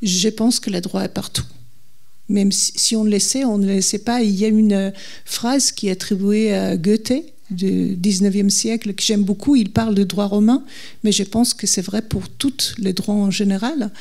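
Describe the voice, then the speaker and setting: A legal historian, invited as a guest speaker, answers a question during a public lecture in French, which isn't her first language. She speaks with a foreign accent and halts as she searches for words. Her mid-range voice is steady and darkish, with vocal fry.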